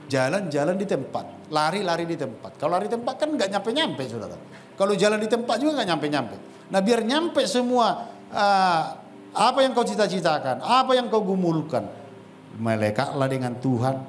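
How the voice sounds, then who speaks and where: A man preaching a sermon as pastor, calling out to the congregation and swinging between loud rises and hushed drops. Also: a little high, a little hiss or hum.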